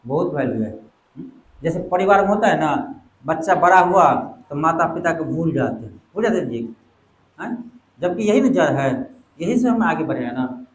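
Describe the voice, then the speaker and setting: A man's voice: on the high side, lively intonation. A man teaching an exam coaching class, firing questions at his students. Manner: quizzes students, quick back-and-forth questions. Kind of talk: classroom lecture. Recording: echoey classroom.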